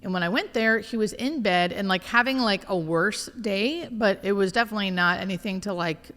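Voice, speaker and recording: Expressive woman in an echoey room. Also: medium pitch, brisk. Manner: informal, expressive, often quoting imagined dialogue. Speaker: hospice nurse being interviewed. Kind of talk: candid conversational storytelling.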